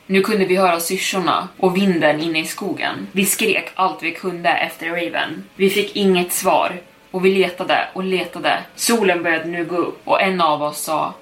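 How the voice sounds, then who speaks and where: A young adult woman narrating a first-person horror story in a measured, suspenseful way as a podcast storyteller. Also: fairly low pitch, fairly even intonation, fairly bright tone. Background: faint music.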